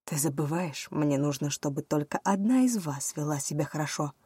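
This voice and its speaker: A woman voicing a cold, menacing male villain who speaks low and slow in an audiobook. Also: warm tone, slightly rough, no room sound, clean studio sound. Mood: cold menace.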